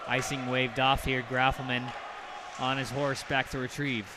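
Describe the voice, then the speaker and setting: A man doing play-by-play commentary on a hockey game, with rapid calls that surge loud on goals. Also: mid-range voice, level tone, background noise. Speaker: play-by-play announcer.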